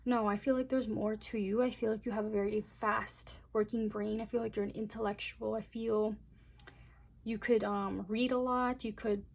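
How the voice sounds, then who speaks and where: A woman giving a chatty, rambling tarot reading, speaking straight to her viewers and talking fast by her own account. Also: medium pitch, little pitch movement, creaky. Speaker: tarot reader. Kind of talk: casual tarot reading to camera.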